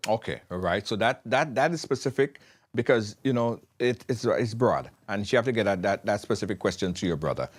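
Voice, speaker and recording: A man's voice: lowish voice, animated, fairly quick. A man hosting a live call-in show, urging viewers to phone in and taking callers.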